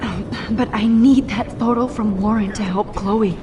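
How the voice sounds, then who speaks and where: A woman's voice: medium pitch, fairly even intonation, normal speed, noisy background, lightly acted. A woman playing an anxious, determined, introspective teenage girl in a video game, often in inner monologue.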